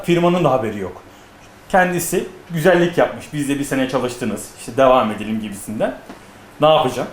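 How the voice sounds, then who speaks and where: A man's voice: mid-range voice, a little mellow. A man explaining customs procedures in casual talk, telling stories with acted-out dialogue. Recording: echoey room with faint noise.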